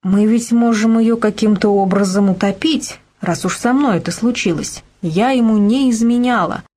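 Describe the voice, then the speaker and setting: A woman's voice: mid-range voice, moderate pace, darkish tone, pitched above the performer's own voice, lightly acted. A woman voicing a sad, wealthy middle-aged wife who sighs and laments her lost standing. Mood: despairing. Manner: sighing, plaintive, lamenting.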